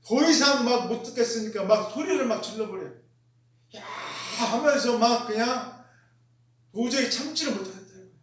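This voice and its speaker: A man's voice: very high-pitched, animated, moderate pace, a bit bright. A man preaching a sermon with emphatic repetition, putting questions to the congregation. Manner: emphatic, repeats key phrases, asks the congregation questions. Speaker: pastor. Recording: very echoey room, mic far off.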